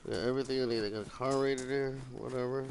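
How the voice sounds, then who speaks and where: A man's voice: medium pitch, fairly even intonation, racing, vocal fry, slight background noise. A man talking casually through a survival game, sounding tired and rambling, with casual swearing. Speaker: gamer streaming survival gameplay. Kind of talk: casual gameplay commentary. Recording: loud game ambience of crickets and animals.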